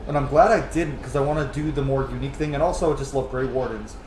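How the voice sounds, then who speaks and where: A gaming video host gives casual commentary full of profanity while he plays a video game. His voice is medium-pitched and a little mellow, and he talks fast. The recording has a roomy echo and clearly audible background noise.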